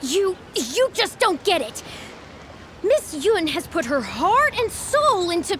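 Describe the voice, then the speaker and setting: Timid young girl reporter, very high, stammering, slow, faint music behind. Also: very animated, fairly bright tone, slight background noise, heavily acted. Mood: upset. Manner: stammering, upset. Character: timid young female reporter, distressed and loyal. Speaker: game character. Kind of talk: video game voice acting. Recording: game audio with faint music.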